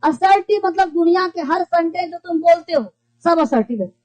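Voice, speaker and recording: A woman teaching an online English class. She repeats key points, reads English examples slowly and keeps checking that students follow. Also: extremely high pitch, a little mellow, poor audio. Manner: repetitive, keeps checking understanding.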